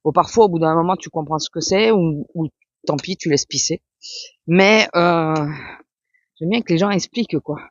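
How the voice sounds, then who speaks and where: A woman's voice: lowish voice, moderate pace, dry recording. Chatty woman vlogger, rambling. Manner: rambling, chatty, many fillers. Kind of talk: casual chat. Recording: dull lo-fi sound.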